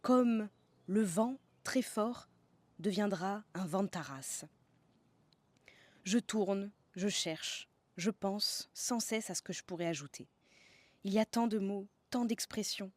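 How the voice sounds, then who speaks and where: A woman's voice: medium pitch, slow pace, no room sound. A woman from the south of France, narrating a scripted podcast as host in a playful way, savouring slang words.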